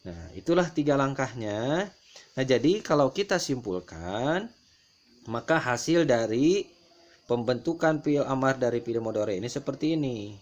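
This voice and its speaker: A man's voice: medium pitch, animated, moderate pace, darkish tone, lo-fi sound. A man teaching a grammar lesson step by step, patient and repetitive, often starting sentences with "nah". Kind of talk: classroom explanation over slides.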